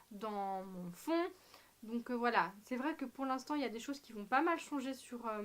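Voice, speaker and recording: A young woman with a fairly high voice chats to her camera in a loose, unscripted vlog. She plays up her delivery with ironic, exaggerated emphasis, drops in slang and fills pauses with lots of ums. It sounds like a home room recorded on the camera's own mic. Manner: animated, ironic, exaggerated, slangy, many fillers. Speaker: anime vlogger.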